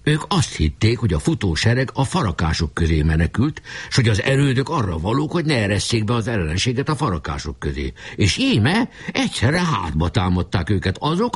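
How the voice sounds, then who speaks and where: A man narrating a story aloud in an expressive storytelling manner. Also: on the low side, slightly rough. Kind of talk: audiobook narration.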